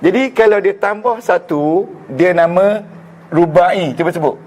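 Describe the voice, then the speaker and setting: A man's voice: high-pitched, measured pace, darkish tone. A man with a Malaysian Malay accent teaching Arabic grammar to a class, joking and quizzing the students as he goes. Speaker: religious teacher. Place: lecture room with students.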